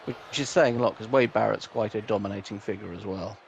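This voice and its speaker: A man's voice: on the low side, fast talker, vocal fry, husky, muffled recording. A man doing casual, joking commentary on a wrestling video game, swearing and laughing often. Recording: noisy background hiss.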